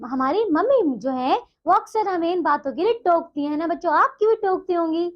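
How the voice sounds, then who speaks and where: Very high-voiced woman teaching young children. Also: expressive. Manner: sweet, coaxing teacher tone that keeps checking in with the children; slow, sing-song recitation of poem lines. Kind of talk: primary school Hindi lesson for children. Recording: dull lo-fi recording.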